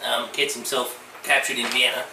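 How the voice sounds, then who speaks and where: His mid-range voice stays level, with vocal fry and a moderate pace, as this male co-host trades deadpan quips and ums on a casual comedy podcast while shaking off a virus. Faint hiss, room echo, and a far-off mic color the sound.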